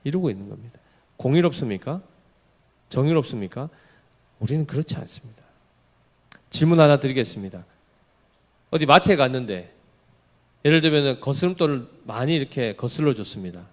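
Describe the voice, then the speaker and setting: A man's voice: mid-range voice, lively intonation, brisk, long pauses. A male pastor preaching a sermon in a conversational way, asking his congregation questions and acting out everyday remarks.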